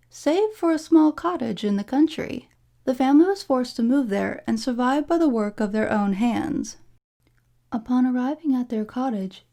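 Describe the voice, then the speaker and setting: A woman with a fairly high, softly mellow voice reads a classic fairy tale aloud. Her delivery is measured and formal, in the scripted manner of a storybook narrator. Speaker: storybook reader.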